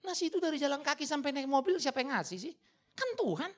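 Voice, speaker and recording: A man preaching a sermon as a pastor, dramatic and colloquial, swinging from hushed tones to shouting and talking straight to the congregation. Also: extremely high pitch, sing-song, fast talker.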